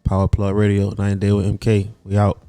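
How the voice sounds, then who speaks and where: A man hosting a casual radio interview, relaxed and full of slangy banter. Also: on the low side, brisk, over music. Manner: laid-back slangy banter, lots of "word" and "bro". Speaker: radio show host.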